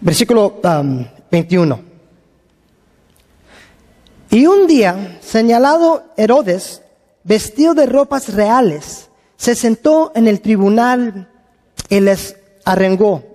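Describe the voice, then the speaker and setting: A man preaching, his voice sitting unusually high for a man. He reads scripture and acts out the people he quotes with lively energy. A long reverb trails each phrase, as in a church hall. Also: slow. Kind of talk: sermon with Bible reading.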